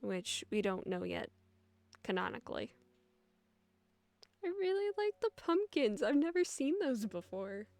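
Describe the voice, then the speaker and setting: A young adult woman streaming a relaxed game, reading its text aloud with dry, wry asides. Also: on the high side, a little slow, gravelly, long pauses, no echo. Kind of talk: casual game commentary.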